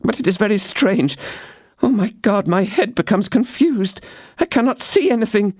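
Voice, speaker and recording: A woman's voice: mid-range voice, expressive, moderate pace, darkish tone, breathy edge, no room sound, studio quality, pitched above the performer's own voice. A man voicing Constance, a frail, frightened young woman who is dying, in an audiobook reading. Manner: breathless, pleading.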